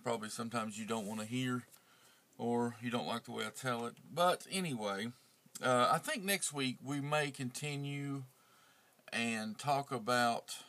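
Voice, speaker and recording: A man's voice: medium pitch, a bit bright. A man hosting a true crime podcast, talking casually and rambling with many fillers and restarts. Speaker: podcast host. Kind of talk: casual podcast outro chat.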